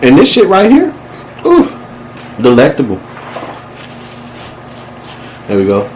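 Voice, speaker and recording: A man talks casually as he eats, his pitch swinging freely from line to line. He is playful and exaggerated, full of slang and swearing. Light background noise sits behind his voice. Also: wildly swooping pitch, takes it slowly, darkish tone, poor audio. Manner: talks while eating. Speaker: vlogger hosting a mukbang. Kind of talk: casual, profane eating-show chat.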